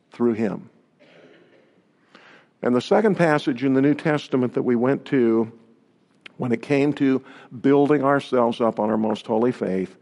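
A man's voice: mid-range voice, darkish tone, long reverb tail. A man preaching a sermon as pastor, reading scripture aloud and putting emphatic rhetorical questions to his listeners in an earnest manner.

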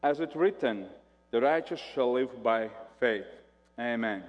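A man's voice: medium pitch, animated, dull audio. Latvian-accented man preaching in a hall. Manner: halting, repeats words often. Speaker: guest pastor. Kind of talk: sermon.

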